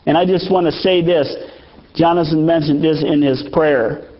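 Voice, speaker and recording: A man preaching a sermon in a church, slow and emphatic, repeating his phrases. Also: on the high side, steady tone, lo-fi sound. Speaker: pastor. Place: church sanctuary.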